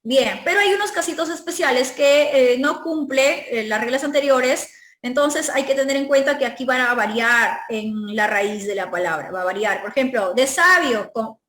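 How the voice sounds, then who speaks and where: A Peruvian woman with a high voice teaches an exam review class, explaining patiently and stretching out each example word. She keeps checking in with short questions to her students, and her voice rings in an echoey room. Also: moderate pace, fairly bright tone. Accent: Peruvian Spanish. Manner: stretches out and stresses example words.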